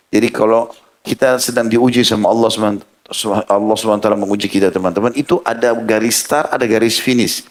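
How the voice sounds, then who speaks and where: A man preaching a sermon, telling a story and acting out the quoted speech of its people. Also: medium pitch. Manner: lively storyteller who acts out quoted speech. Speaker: Islamic preacher.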